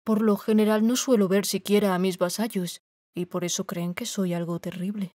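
A woman's voice: mid-range voice, fairly even intonation, moderate pace, warm tone, dry recording, lightly acted. Woman doing Oz, a shaky little humbug wizard. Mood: humble. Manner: shaky, meek. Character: timid aging little man, humbug wizard.

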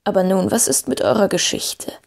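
A woman voicing an old male wizard who speaks slowly and gravely, calm and wise. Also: medium pitch. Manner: slow, grave, measured speech.

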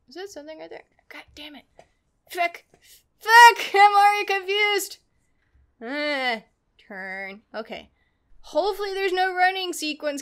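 High-voiced woman swearing through a horror game. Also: fairly bright tone. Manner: chatty, swears when frustrated; reads game text aloud. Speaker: gaming video creator. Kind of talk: casual let's-play commentary.

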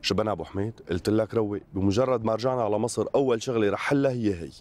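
This is a calm army captain, played by a man with a Syrian accent who reassures and persuades. He speaks very fast in a low voice. A faint hiss sits under him. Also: close to an everyday voice. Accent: Syrian Arabic.

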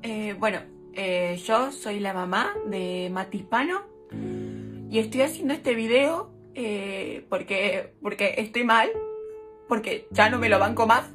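A woman playing a mother who complains about her child in an exasperated, halting way. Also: medium pitch, music in the background. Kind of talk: comedy sketch.

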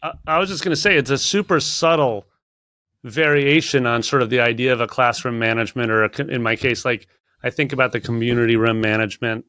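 A man's voice: mid-range voice, fairly even intonation, a little fast, pushed and bright, dry recording, clean studio sound. A male podcast host who cuts in eagerly with questions and enthusiastic reactions. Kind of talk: casual podcast conversation.

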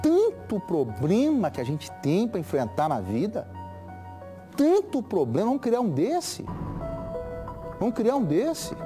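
Male news host, forties, Minas Gerais accent, animated colloquial studio commentary, music bed loud. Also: sits high, unhurried, long pauses. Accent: Minas Gerais Brazilian. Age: 40s. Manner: emphatic, colloquial, appealing to viewers. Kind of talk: informal opinionated studio commentary.

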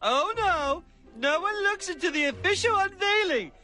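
An actor playing a fussy, theatrical one-eyed male alien in a cartoon, excitable and showy. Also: very high voice, moderate pace, heavily acted. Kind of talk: cartoon voice acting.

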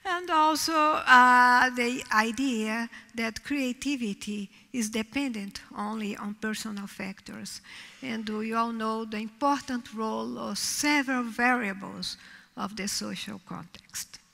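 An older woman with a Brazilian Portuguese accent gives a measured keynote lecture at a podium microphone, her line ends trailing off softly. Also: a little high, creaky. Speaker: keynote speaker. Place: large lecture hall. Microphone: podium microphone on a stand. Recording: reverberant hall, heard from a distance.

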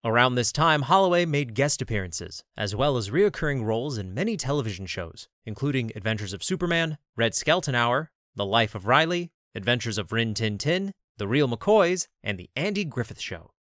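A man giving scripted documentary narration in a lively, expressive read. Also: medium pitch, normal speed, few pauses, dry recording, clean studio sound.

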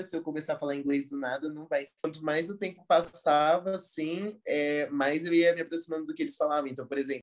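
Young Brazilian man, slangy storyteller. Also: on the high side. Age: young adult. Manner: relaxed slangy talk full of fillers like "tipo" and "assim". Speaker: guest dancer. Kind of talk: casual storytelling interview.

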